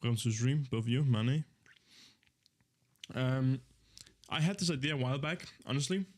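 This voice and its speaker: A slightly mellow, medium-pitched male voice at normal speed belongs to a young streamer in his twenties. He chats casually with viewers, rambling in a relaxed manner with many fillers and frequent self-corrections.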